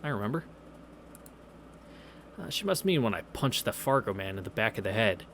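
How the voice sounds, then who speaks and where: With a lowish voice and big pitch swings, a let's play host reads through a visual novel at a moderate pace. He keeps it casual, adding sarcastic asides and swearing, with game music and slight background noise behind him.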